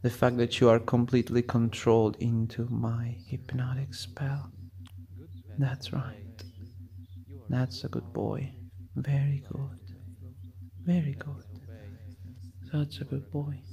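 A man with a gravelly, mellow voice talks slowly and evenly through an ASMR hypnosis roleplay. He keeps a flat, steady tone and often drops into a soft whisper. He chants commands over and over. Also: mid-range voice.

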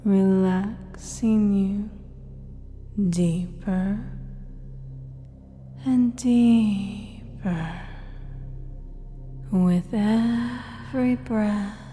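A woman speaking as a hypnotist in a guided hypnosis recording, slow and soothing, slipping often into soft whispers. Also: mid-range voice. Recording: long reverb with faint music behind.

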